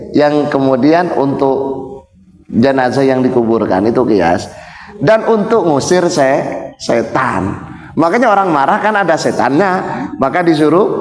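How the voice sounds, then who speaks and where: Animated East Javanese preacher in echoey mosque. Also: male voice, fairly high pitch. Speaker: preacher giving a mosque study session. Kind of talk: humorous sermon lecture. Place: mosque hall. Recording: echoey mosque hall with long reverb.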